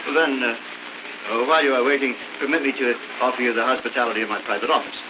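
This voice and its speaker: An actor in an early talkie film playing a courteous hotel manager who speaks formally, with hesitant pauses. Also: male voice, medium pitch, steady tone, background noise. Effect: early talkie film sound.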